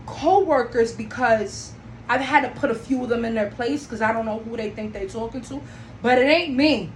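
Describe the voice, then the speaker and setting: A young woman from Trinidad hosting a solo podcast, telling her story in a blunt, animated way and swearing freely. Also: sits high. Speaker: podcast host. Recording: echoey room, faint background noise.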